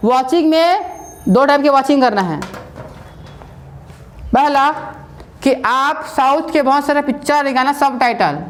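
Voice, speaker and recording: A woman with a slightly high voice teaches spoken English in a loose, chatty classroom way. She repeats herself often and keeps checking that her listeners follow, slipping English words into her talk. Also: slight background noise.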